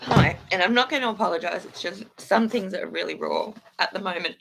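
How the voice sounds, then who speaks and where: A woman's voice: mid-range voice, brisk, creaky, a bit bright, a little hiss or hum. A woman chatting candidly on a livestream, rambling and blunt, swearing freely while she answers her chat.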